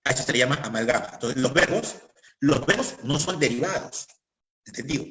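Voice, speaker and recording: A man's voice: medium pitch, lively intonation, fairly quick, a bit bright, low-quality recording. A man teaching a grammar class online, who keeps checking that his students are following.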